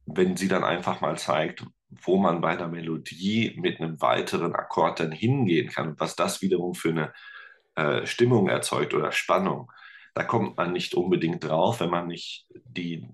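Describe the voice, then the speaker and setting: Here the middle-aged teacher-musician's voice sits low and moves at normal speed as he chats as an interview guest. He meanders and hesitates, filling gaps with verbal fillers and self-deprecating humor.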